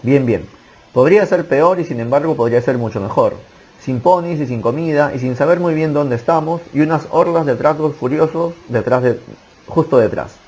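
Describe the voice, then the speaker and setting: A man voicing an old male wizard in an audiobook, brisk and commanding, with a husky tone. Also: fairly high pitch, a little mellow, low-quality recording. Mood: wry. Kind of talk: audiobook character voice.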